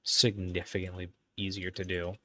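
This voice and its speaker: His voice sits low and stays monotone at a normal pace, with a bright, forceful tone. He's a young streamer faking an Irish accent that keeps slipping, talking casually and muttering to himself over typed game commands.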